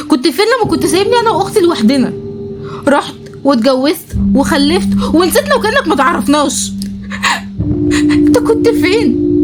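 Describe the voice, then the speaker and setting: A woman with an Egyptian accent voicing a hurt, weary young woman who talks bitterly. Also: very high voice. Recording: voice over loud background music.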